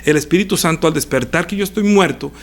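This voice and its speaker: A man preaching a live-streamed sermon, reading scripture aloud and repeating phrases. He swings from loud emphasis to hushed lines. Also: fairly high pitch, fast.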